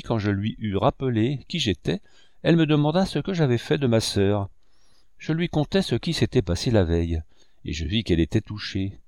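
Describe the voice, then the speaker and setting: A man narrating a novel as an audiobook with measured storytelling. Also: fairly low pitch, darkish tone, no echo, studio quality.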